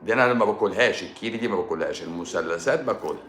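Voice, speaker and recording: Low-voiced Egyptian man, joking and mocking. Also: rapid-fire. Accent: Egyptian Arabic. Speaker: host of a live stream. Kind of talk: casual live-stream chat answering viewer questions. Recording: roomy echo with music behind.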